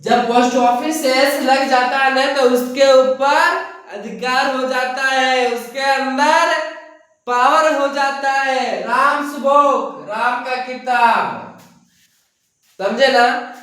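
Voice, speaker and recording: Slow, echoey classroom grammar teacher. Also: high-pitched, a bit bright. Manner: repeats points and asks rhetorical questions. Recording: echoey room, mic far off.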